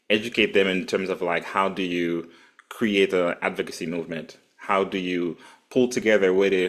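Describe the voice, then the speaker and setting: Deep-voiced man. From Haiti. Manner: thoughtful, pauses often with "um". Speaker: panelist, policy group founder. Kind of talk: online panel discussion.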